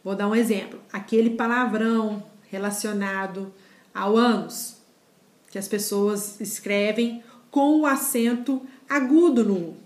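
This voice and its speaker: A woman's voice: medium pitch, measured pace, a little mellow, echoey room. A woman teaching a grammar lesson in a casual style, explaining step by step and often checking with the class. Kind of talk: casual lecture.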